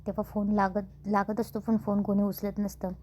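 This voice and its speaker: A woman retelling a TV serial episode in a steady, plain narration. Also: mid-range voice, moderate pace, a little hiss or hum.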